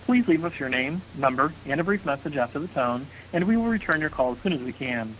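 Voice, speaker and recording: A man's voice: a little high, expressive, fast talker, fairly bright tone. A man's recorded answering machine greeting for a theater, played over a phone line in a formal announcing manner. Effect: answering machine message over a phone line. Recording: faint noisy phone line, far off.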